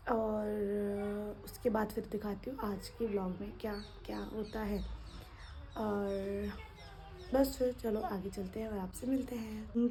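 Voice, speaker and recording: A young woman chatting casually in her vlog, talking softly and slowly to spare a strained throat. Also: mid-range voice, slight background noise. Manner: soft, slow talk to spare her voice. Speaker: vlogger. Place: home kitchen.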